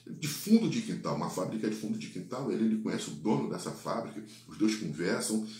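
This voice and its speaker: A Brazilian man with a very low voice retells an inspirational story in an echoey room. He stumbles on repeated words and keeps checking in with "né?". The tone is earnest and unscripted. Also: animated, warm tone. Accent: Brazilian Portuguese. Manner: halting, many repeated words and "né?" tags. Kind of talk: retelling a faith-based life story.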